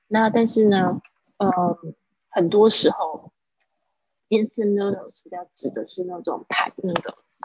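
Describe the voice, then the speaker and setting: A woman teaching English vocabulary on a livestream, explaining patiently and drilling pronunciation slowly. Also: on the low side, husky, dry recording. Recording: dull, lo-fi livestream audio.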